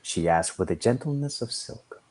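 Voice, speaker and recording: Low-voiced man reading a story. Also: expressive, moderate pace, darkish tone, slightly rough. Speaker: reader. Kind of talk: reading fiction aloud.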